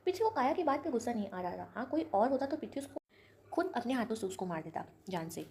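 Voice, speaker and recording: Expressive woman storyteller. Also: a little high, fast, slight background noise. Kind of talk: storybook narration.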